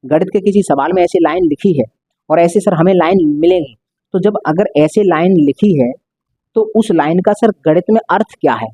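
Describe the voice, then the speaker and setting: A man's voice: high voice, moderate pace, dark tone, no echo. A male maths teacher explaining a lesson step by step, repeating and stretching out key words.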